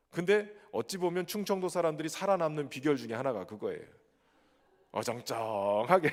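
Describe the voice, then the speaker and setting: Lively male pastor in a reverberant church. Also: a little high. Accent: Chungcheong Korean. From Chungcheong, South Korea. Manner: lively, conversational preaching with humor. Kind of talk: sermon. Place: church sanctuary.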